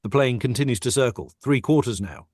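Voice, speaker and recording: A man's voice: mid-range voice, fairly quick, a little mellow, breathy edge, dry recording, studio quality. A man reading the stage directions of a script steadily and matter-of-factly in a table read over a video call.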